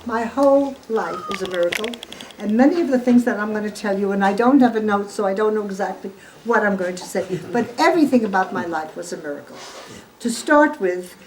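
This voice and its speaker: In a low-quality recording with a little hiss or hum, a woman in her eighties, Polish-born and American-raised, gives emphatic, informal Holocaust testimony to guests in her home, often posing questions to them. Her mid-range voice has a darkish tone.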